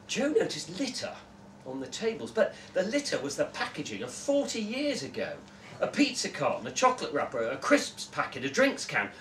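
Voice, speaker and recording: Before a live indoor audience at a literary festival, a young man with a slightly high voice gives a reading of a short story. The distant camera microphone, several metres off, picks up roomy echo and faint noise.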